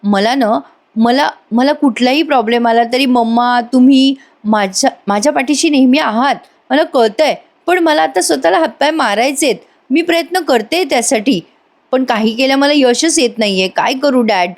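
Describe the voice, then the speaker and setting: A woman reads out a young daughter fed up with her lot, pleading and complaining, voice pitched up a little above her own. It is a TV serial recap read aloud, the voice higher than average, acted only lightly. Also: moderate pace. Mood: upset.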